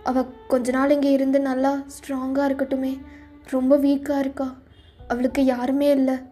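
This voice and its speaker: A woman's voice: high voice, monotone, moderate pace, close to an everyday voice. Woman voicing a caring pleading younger sister. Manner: comforting, pleading. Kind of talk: fan audio drama. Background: soft music.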